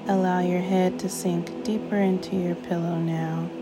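Slow, soothing woman narrating sleep meditation. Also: on the low side, flat delivery, poor audio. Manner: soothing, unhurried, with long pauses between short phrases. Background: music.

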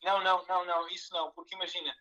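Bright-voiced man with a European Portuguese accent. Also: high voice, little pitch movement, rapid-fire, rough recording. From a village near Leiria, Portugal. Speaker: podcast guest calling in. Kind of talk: casual chat.

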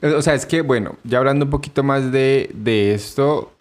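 A young male podcast co-host with a Colombian Spanish accent tells stories in casual chat, laughing a lot and acting out quotes. His voice sits at medium pitch and normal speed.

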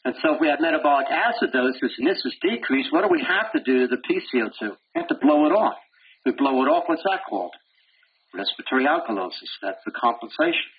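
A man's voice: mid-range voice, fast talker. A man giving a medical lecture who quizzes his class and answers himself, with blunt, wry humor. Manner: animated, asks the class questions and answers them himself. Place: lecture room. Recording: dull lo-fi lecture recording with faint hiss.

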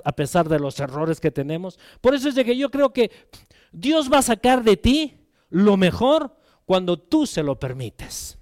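A man's voice: high voice, a little mellow, no room sound, studio quality. An older man, a pastor, preaching a sermon in a conversational way, asking rhetorical questions and acting out quotes.

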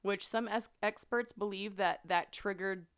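Speaking at a measured pace in a smooth, mid-range voice, this podcast host tells a true-crime story earnestly and informally, leaning on lots of filler words.

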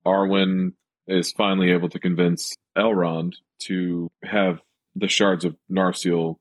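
Low-voiced man chatting on a podcast. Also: little pitch movement, measured pace, no echo. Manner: rambling, heavy with fillers. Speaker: podcast co-host. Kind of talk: casual film discussion.

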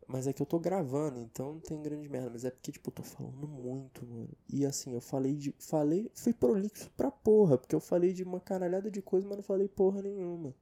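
A man's voice: a little high, dark tone. Rambling, foul-mouthed Brazilian young man. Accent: Brazilian Portuguese. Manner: rambling, profane, self-mocking. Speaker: podcast host. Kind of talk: casual solo podcast monologue.

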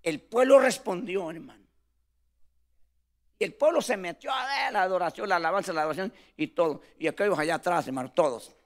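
A man's voice: high-pitched, animated, fairly quick. A man who preaches, telling a story about his ministry in an earnest tone and calling his listener "brother" again and again. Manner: earnest, calls listener "hermano" constantly. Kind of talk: storytelling testimony.

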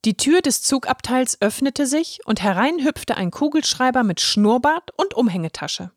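A woman narrating a children's story in a gentle, expressive reading voice. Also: high-pitched, moderate pace, no room sound, studio quality.

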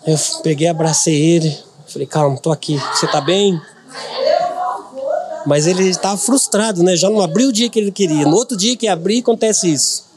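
A man's voice: high-pitched, fairly quick, hardly any pauses, a crowd in the background. A middle-aged man from Brazil, a podcast guest, telling a personal story earnestly and repeating words for emphasis.

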